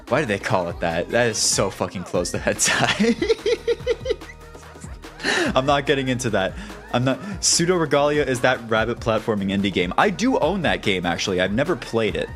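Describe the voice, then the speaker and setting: A young man from the United States rants at his stream chat, tripping over his words and swearing freely. His voice sits at a middling pitch, with faint music playing behind him. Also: fairly bright tone. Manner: rambling, profane, stammering restarts, ranting.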